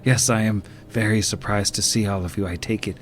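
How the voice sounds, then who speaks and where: A man's voice: fairly low pitch, fairly even intonation, a little hiss or hum, lightly acted. A man voicing a tall, four-armed, masked female huntress who speaks in formal, polite sentences. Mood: dry, polite. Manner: formal, politely measured speech.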